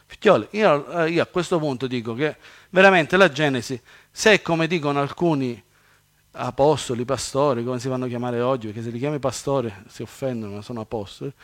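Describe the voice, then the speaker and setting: A man preaching a sermon, swinging between loud raised quotations and low quick asides. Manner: animated, rises loud on scripture quotes, then drops to asides.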